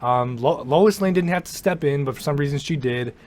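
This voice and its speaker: This young movie commentator has a slightly high, darkish voice and talks a little fast. He rants casually about a film, rambling, cursing and starting over a lot.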